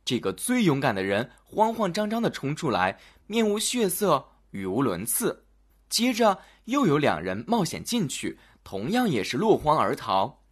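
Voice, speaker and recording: A storyteller narrates a scripted children's fairy tale with expressive, dramatic flair. The voice is medium in pitch with a breathy edge, moving at a moderate pace.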